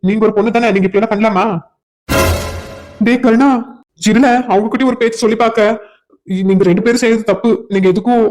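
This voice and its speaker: A man with a south Tamil accent voices a cartoon drama in a joking, flustered way. He speaks at a brisk pace. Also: high-pitched, steady tone, darkish tone. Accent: south Tamil Nadu dialect. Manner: joking and flustered, laughs between lines. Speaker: voice actor for a cartoon series.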